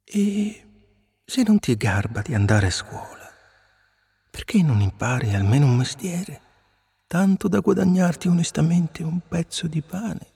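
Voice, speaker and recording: A man voicing a patient, wise old cricket in a storybook reading, speaking slowly, calmly and gravely. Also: fairly high pitch, big-room sound, heavily acted. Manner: slow, calm, grave and preachy.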